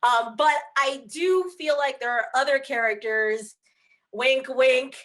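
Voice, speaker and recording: With a high-pitched, fairly bright voice and a measured pace, a woman guest author chats openly on a video call. Her talk is frank, scattered with filler words and restarts.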